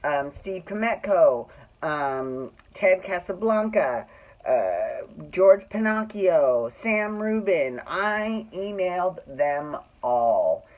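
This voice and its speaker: Slow-paced, mid-range and lively in intonation, a Californian host from Glendale spins casual personal tales to camera, catty and dramatic, swearing freely and performing the dialogue. It all comes through a muffled, narrow-band, phone-like recording.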